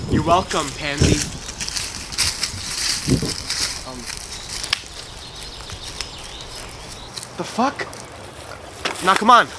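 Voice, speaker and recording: Brash bully played by a man, highish voice, brusque, impatient, noisy location sound. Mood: bossy, impatient. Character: brash, foul-mouthed male dream-world bully.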